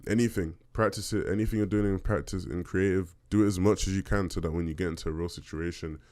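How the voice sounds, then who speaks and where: Casting: male podcast host, deep low bass, casual solo question-and-answer delivery, conversational. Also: fairly even intonation, fast talker, darkish tone. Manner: conversational, checks in with "right?".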